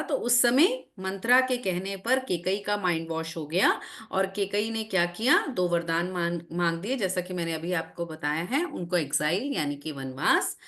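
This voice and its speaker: A woman teacher telling a story to children over a video call. Her pitch rises and falls a lot, and she keeps asking the class questions and checking that they are following. The sound is plain call audio. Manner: lively, checks in often with the class.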